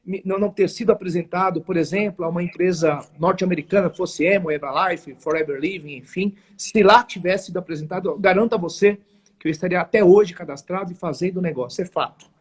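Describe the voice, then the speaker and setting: He's a network marketing entrepreneur in his forties from São Paulo, Brazil, telling his story as a guest in a live interview over a video call. He talks fast in a high, husky voice with a São Paulo accent. His phrasing is formal, earnest and emphatic, and he restarts often.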